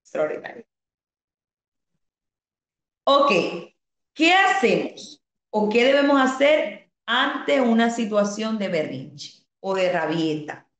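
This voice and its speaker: A woman teaching an online parenting class, explaining calmly, reading out comments from students and asking the class questions. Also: a little high, slow pace, long pauses, roomy sound. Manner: asks the class rhetorical questions.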